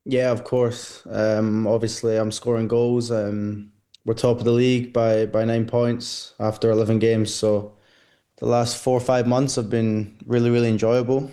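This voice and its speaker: A young Scottish footballer in his twenties, speaking with a Glaswegian accent, answers interview questions hesitantly, full of fillers and repeated words. His voice is medium-pitched and warm, level in tone and a little slow.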